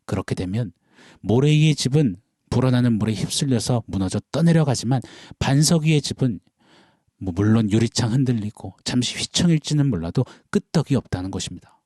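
Male pastor, middle-aged, dramatic sermon delivery with a warm, dark tone and a dry sound. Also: medium pitch, animated, brisk, no room sound. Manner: dramatic, swings from loud cries to hushed whispers; acts out prayers and congregants in quoted voices. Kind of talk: early-morning sermon.

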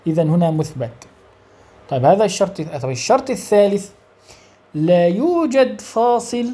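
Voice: mid-range voice, warm tone. An Arabic grammar teacher, explaining step by step, asking questions and answering them, and stretching out example words. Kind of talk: explanatory lesson.

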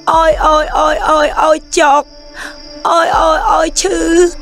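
A distraught woman in a film drama, sobbing and wailing in fear. Her voice is very high, and a film score plays softly behind her. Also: flat delivery, moderate pace. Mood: distressed. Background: film score music.

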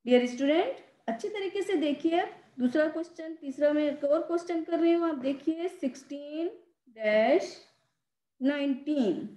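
A woman's voice: high-pitched, expressive, normal speed, dark tone, roomy sound. A woman teacher explaining a children's math lesson patiently, repeating and stressing the key words.

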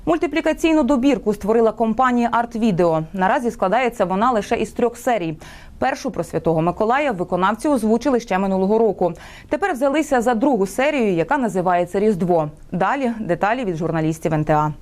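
A woman's voice: mid-range voice, lively intonation, fast talker, a little mellow. A woman news anchor reading scripted news in a formal broadcast style.

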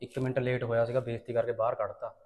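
Man playing grumbling young college classmate, fast talker, monotone. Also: medium pitch, slight background noise, natural voice. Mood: casual, grumbling. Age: young adult. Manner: casual, grumbling and chatty. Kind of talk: short film acting.

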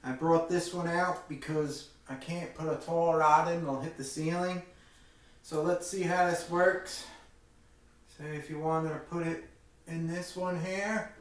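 Here a middle-aged man with a higher-leaning voice and fairly even intonation talks a little slowly while casually demonstrating a product for his hobby vlog. His style is informal, folksy and plain-spoken, and he's in a small room at home. The camera mic is a few metres away, leaving the sound distant, very echoey and faintly noisy.

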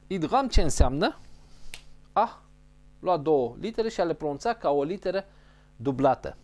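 A male teacher gives a patient recitation lesson in a fairly high voice whose pitch moves up and down a lot. He breaks each rule into small steps and repeats every key term. Now and then he stops to sound out letters as examples. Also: a little mellow. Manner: explains step by step and repeats key terms; models Arabic sounds mid-sentence. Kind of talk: spoken lesson on recitation rules.

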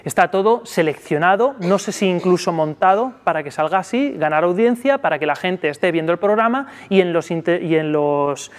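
A man with a Spanish accent giving a live workshop talk on child tantrums, checking in often with a quick "¿vale?". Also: lively intonation, long reverb tail. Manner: peppers sentences with "¿vale?"; acts out soothing talk to a child in a high voice. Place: conference room.

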